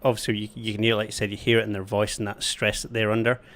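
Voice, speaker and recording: A man's voice: fairly low pitch, flat delivery, fast, fairly bright tone. A Scottish man hosting a live stream, asking questions casually and laughing along. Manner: easygoing, laughs often, short agreeing replies. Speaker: stream host. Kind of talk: casual interview chat.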